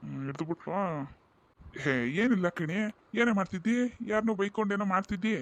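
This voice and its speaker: A man's voice: high voice, expressive, brisk. A man voicing an elderly village grandfather in a cartoon, joking and chatty in rural speech. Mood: teasing. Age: older.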